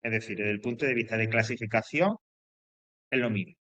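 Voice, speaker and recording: A man's voice: on the low side, a little fast, fairly bright tone, no room sound. A man teaching a grammar lesson, explaining with repetition and frequent check-ins with his students. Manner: loose, hesitant phrasing with fillers and restarts.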